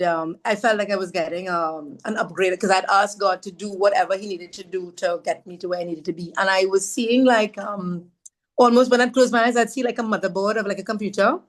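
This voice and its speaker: A woman from Trinidad and Tobago, a podcast guest sharing a personal story in an earnest, halting way, often acting out what others said. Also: mid-range voice. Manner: earnest, often acts out others' words in her retelling; halting, with fillers and restarts.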